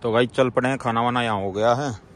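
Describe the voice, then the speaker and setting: A man's voice: mid-range voice, fairly even intonation, a little fast. A man hosting a casual travel vlog, chatting outdoors by a car at night, talking to viewers and friends as he goes. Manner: chatty, keeps addressing viewers and friends as "bhai". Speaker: travel vlogger. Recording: outdoor street noise.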